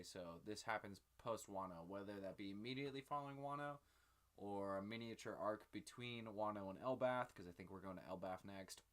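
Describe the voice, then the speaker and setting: A man hosting his own channel, talking through his theories in a rambling, filler-heavy, casual sit-down chat. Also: lowish voice. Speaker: channel host.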